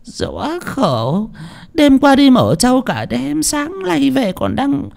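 A man voicing a flustered middle-aged village woman who stammers in a raised falsetto. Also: big pitch swings, slow pace, darkish tone, heavily acted. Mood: pleading.

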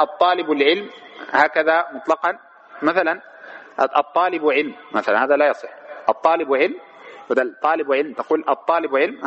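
A man's voice: on the high side, a bit bright. A man teaching a grammar class, reading from the text and explaining it, who asks the students questions and answers them himself. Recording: dull lo-fi lecture recording with faint noise.

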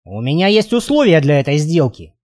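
A man reading a first-person fantasy audiobook aloud in a lively, expressive way. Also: a little high, fairly quick. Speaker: audiobook narrator.

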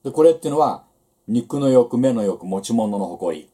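Male Bible lecturer, seminar style, animated pitch, conversational asides. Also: moderate pace. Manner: conversational teaching with rhetorical asides.

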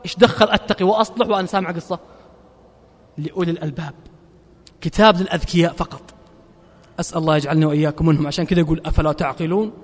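Male Gulf Arabic preacher, fairly high voice; slow chanted verses, brisk conversational asides; long reverb of a big hall. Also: fairly even intonation. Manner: chants verses slowly, then explains in quick casual asides. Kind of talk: sermon.

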